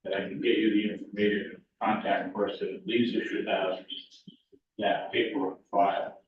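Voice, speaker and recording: A man's voice: on the low side, level tone, normal speed. A man making a matter-of-fact public comment at a town meeting, explaining with frequent ums. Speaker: former town official speaking at public forum. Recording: echoey, distant, dull hall recording.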